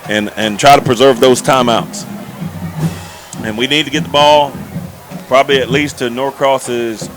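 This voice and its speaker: A man's voice: medium pitch, fairly even intonation, a little slow, over music, low-quality recording. A man giving live football analysis as a colour commentator, in a folksy, explanatory way.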